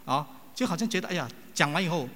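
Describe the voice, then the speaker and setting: Animated preacher man in an echoey hall. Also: on the high side, fast talker. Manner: animated, acts out quoted people. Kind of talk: sermon with personal stories. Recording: long reverb of a large hall.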